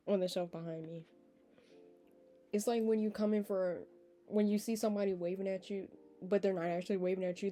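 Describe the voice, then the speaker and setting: A nineteen-year-old woman with a warm, mid-range voice reads a visual novel aloud during a game playthrough, breaking off into chatty, laughing asides.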